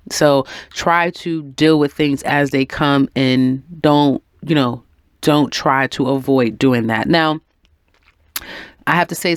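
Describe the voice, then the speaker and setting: A low-pitched woman with a head cold gives a weekly tarot reading, her voice fading in and out. She's chatty and encouraging, dropping frequent ums and little laughs. The studio-quality recording has no echo.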